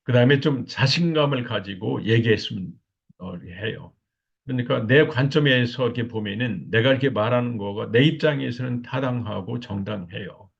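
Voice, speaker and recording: Husky gravelly older man lecturing. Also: medium pitch. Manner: halting, many fillers, repeats "이렇게" constantly. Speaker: lecturer on marriage communication. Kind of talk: recorded lecture. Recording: dull lo-fi recording.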